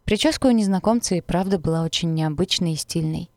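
A woman reading a first-person novel aloud as an audiobook narrator, with expressive, even delivery. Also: fairly low pitch, fast talker, no room sound.

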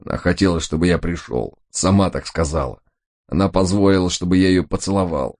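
A man's voice: low-pitched, fairly quick, darkish tone, lightly acted. A man voicing a terrified, wounded male crook who wails and pleads frantically. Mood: fearful.

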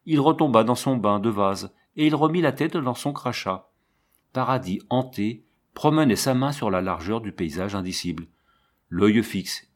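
A man narrating a literary novel as an audiobook, in a measured, expressive reading. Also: lowish voice.

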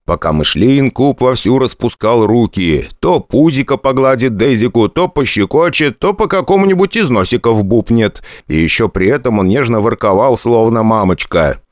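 A man narrating a first-person audiobook in an ironic, lively storytelling manner. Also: mid-range voice, normal speed, hardly any pauses, no room sound, clean studio sound.

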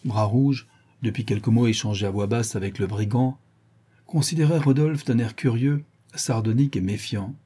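The narrator is a man with a husky, medium-pitched voice. He reads a classic novel aloud as an audiobook, keeping his storytelling even and measured.

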